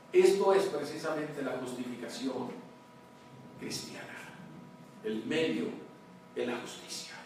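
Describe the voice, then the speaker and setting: A male pastor preaching a sermon, swinging between loud emphasis and hushed words, often calling out to his congregation. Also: a little high. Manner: addresses congregation as "hermano", asks "¿verdad?". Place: large church hall. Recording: very echoey church hall, mic far off, faint noise.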